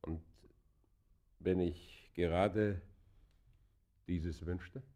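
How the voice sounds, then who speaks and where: A low, dark male voice carries this German radio play role: a proud traveller under arrest who stays defiant. The actor keeps a steady tone and draws out his words, replying in a terse, haughty, guarded, formal way.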